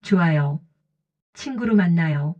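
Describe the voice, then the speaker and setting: Woman reading woman in her late fifties, cautious, short plain lines, husky, dull lo-fi audio. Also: fairly low pitch, unhurried, pitched below the performer's own voice. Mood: gentle. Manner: short plain sentences, calm.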